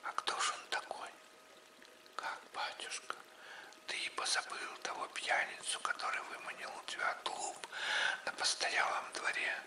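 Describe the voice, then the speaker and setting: A man's voice: moderate pace, reverberant, close to an everyday voice. A man voicing a fussy, devoted old manservant in an audiobook, as whispered role-play right in your ear. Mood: indignant, relieved.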